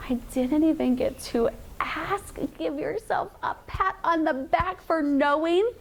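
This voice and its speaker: High-voiced woman teacher prompting her class. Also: slight background noise. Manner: call-and-response prompting, models sentences slowly and smoothly. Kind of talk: classroom phonics lesson.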